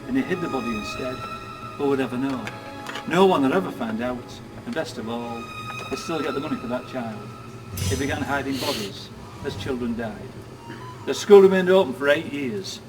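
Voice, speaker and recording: Distant, dramatic man telling ghost stories. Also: mid-range voice. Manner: dramatic, deliberate short phrases with emphatic pauses, projected. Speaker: ghost walk tour guide. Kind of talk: theatrical ghost-story storytelling to a tour group. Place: outdoors in a city street. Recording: distant outdoor microphone, music behind.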